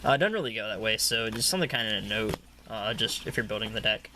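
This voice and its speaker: A man's voice: lowish voice, animated, quick pace, pushed and bright, a little hiss or hum. A man casually walking through a card game deck, rambling with many fillers and coughing now and then. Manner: rambling, many filler uhs, repeats "really, really". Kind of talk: casual deck profile talk.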